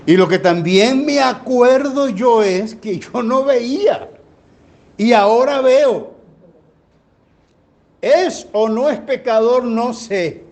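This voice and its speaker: Un pastor que predica en una iglesia, con tono de relato sencillo y muchas preguntas retóricas al público. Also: male voice, very high-pitched, slow pace, pauses often, darkish tone. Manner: folksy storytelling with rhetorical questions. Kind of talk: sermon teaching. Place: church. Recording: live church recording with faint ambient noise.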